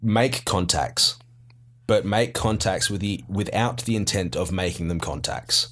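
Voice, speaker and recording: A man's voice: sits low, measured pace, fairly bright tone. A man with an Australian accent chatting casually on a podcast, laid-back, rambling and self-mocking. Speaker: podcast guest. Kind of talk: casual chat.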